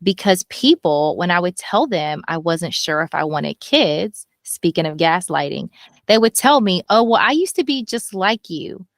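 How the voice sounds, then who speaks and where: Podcast guest: woman in her 30s, earnest and animated, lowish voice, dry close mic. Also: normal speed, dry recording. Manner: earnest and animated, acts out quoted people. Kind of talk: candid conversational interview.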